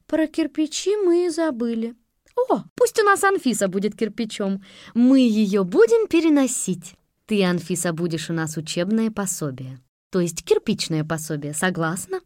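A woman voicing an excitable, fussy female kindergarten teacher who exclaims in a high, mock-official tone. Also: normal speed, no echo, clean studio sound, lightly acted. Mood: cheerful.

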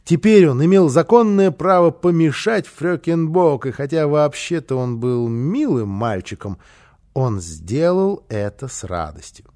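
A man narrating a children's story in an expressive, lively storytelling manner. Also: fairly high pitch, a little slow.

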